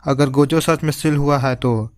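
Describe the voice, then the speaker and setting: A man voicing a calm, serious adult male sorcerer in a dubbed anime recap, speaking in a grave, measured way. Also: mid-range voice, no echo, studio quality, lightly acted.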